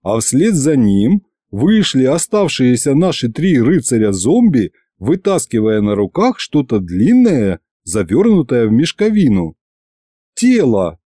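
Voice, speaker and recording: Man, audiobook narration, animated, mellow, dry close sound. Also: mid-range voice, a little slow, hardly any pauses, husky, no echo. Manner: expressive, animated storytelling. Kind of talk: first-person audiobook narration.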